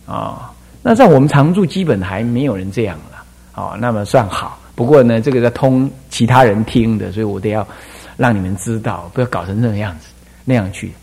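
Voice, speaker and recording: A man's voice: lowish voice, a little fast, vocal fry, slightly rough. An older man from Taiwan, an abbot giving a Buddhist dharma lecture to monastics, breaking into sung and chanted examples as he explains. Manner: demonstrates singing and chanting, animated and playful.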